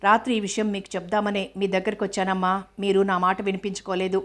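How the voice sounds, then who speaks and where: A woman's voice: mid-range voice, little pitch movement, fast talker, natural voice. A woman reading as a humble, pleading housemaid. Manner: soft, respectful pleading. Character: loyal, devoted housemaid, humble and earnest.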